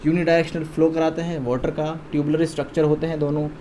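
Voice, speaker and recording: A young Indian man with a high, light voice lectures on school science. He drills key terms over and over and keeps throwing quick questions at the students. A faint hum of background noise sits under his voice. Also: flat delivery, dark tone. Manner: repeats key terms, quizzes listeners with questions. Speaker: science teacher.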